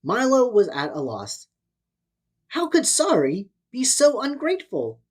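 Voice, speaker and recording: Reading a children's storybook aloud, this woman narrates in a dramatic, theatrical, expressive way. Her voice sits a little high and is slightly rough, with wildly swooping pitch at a measured pace.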